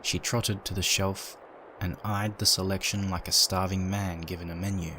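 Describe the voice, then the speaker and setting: Steady ambient noise and poor audio surround a low-pitched male narrator. He reads a scripted story at a moderate pace, in the manner of a dramatic audiobook.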